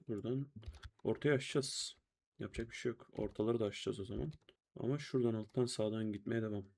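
A man's voice: medium pitch, creaky, dark tone. A young man giving chatty let's-play commentary, talking to viewers and to himself as he plays, with keyboard typing behind. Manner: chatty, talks to himself and viewers while playing, exclaims at deaths. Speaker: gameplay streamer.

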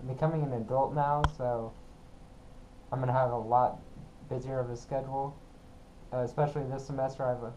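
A young adult man talking casually to a camera for his vlog, halting and apologetic as he goes. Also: medium pitch, fairly even intonation, dark tone. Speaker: vlogger. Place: small room at home. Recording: dull, muffled sound with clear background noise.

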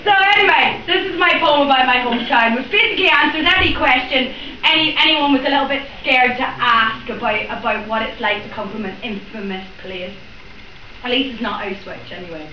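Expressive and high-voiced at a moderate pace, a young Northern Irish woman performs spoken word poetry in a library, introducing it with chatty jokes and joking between her rhyming verses. The background is noisy, and the room recording is distant, roomy, and dull.

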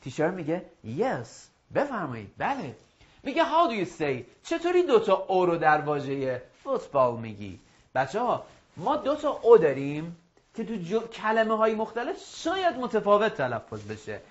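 A male English teacher giving a video lesson to schoolchildren, drilling phrases slowly and encouraging the class. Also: high voice, huge pitch swings. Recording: dull lo-fi audio.

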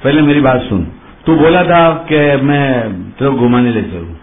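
A man's voice: medium pitch, big pitch swings, normal speed, natural voice. A man voicing an angry young woman scolding her boyfriend in a reproachful tone. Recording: muffled phone-like sound.

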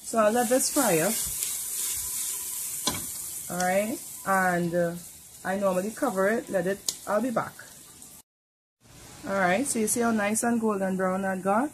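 A home cook from Trinidad and Tobago chats casually with a Trinidadian accent, talking viewers through each cooking step in her kitchen. Her mid-range voice moves a little slowly with long pauses, and there's a slight hiss or hum.

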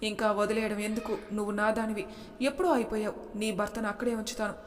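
A woman putting on a menacing, scheming rich man who taunts his victims in a flat, even tone. The voice hangs in a long, hall-like reverb, like a spoken storybook. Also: medium pitch, fast, lightly acted. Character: scheming wealthy male boss, predatory and threatening.

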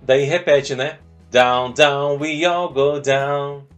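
A man teaching an English song, explaining the lyrics and slowly singing out the lines. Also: mid-range voice, steady tone, fairly bright tone, faint music behind. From Brazil.

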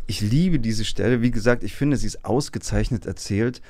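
A man discussing a novel on a podcast and reading a passage from it slowly and deliberately. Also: on the low side, a little mellow, no echo. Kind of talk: book discussion and literary reading.

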